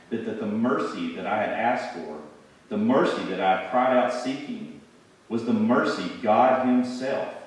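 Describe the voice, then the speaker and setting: Low-voiced man telling an earnest Bible monologue. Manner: earnest, reflective storytelling in character. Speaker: church speaker. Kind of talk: dramatic first-person Bible monologue. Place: church sanctuary. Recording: very echoey room, from far off.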